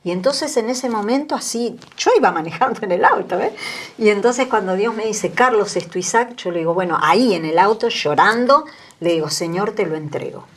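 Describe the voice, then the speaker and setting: A woman's voice: mid-range voice, a little fast. A woman in her sixties with an Argentine Spanish accent, a guest telling her story with earnest emotion. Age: 60s. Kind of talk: testimony in an interview.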